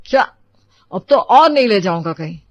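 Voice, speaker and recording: A woman's voice: mid-range voice, expressive, moderate pace, no echo, natural voice. A woman voicing a teasing young adult man, a cheeky younger brother in a storybook tale. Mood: grumpy. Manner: teasing, playful. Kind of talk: storybook voice acting.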